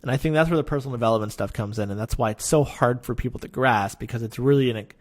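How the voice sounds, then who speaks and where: A man's voice: mid-range voice, fast talker. A man hosting a podcast, chatting casually and animatedly, swearing freely and acting out people he quotes. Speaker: podcast host.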